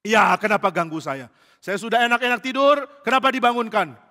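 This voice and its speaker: The ghost of an old prophet, grumpy and scolding, who speaks loudly and sternly, as a preacher acts him out. His bright, high voice carries through the long echo of a church hall. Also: brisk. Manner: loud and scolding.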